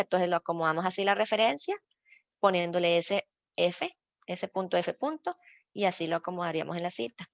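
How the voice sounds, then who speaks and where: Her voice is medium-pitched, creaky and fairly bright, captured without any room sound. She's a librarian from Costa Rica, guiding an online workshop through citation rules with step-by-step patience.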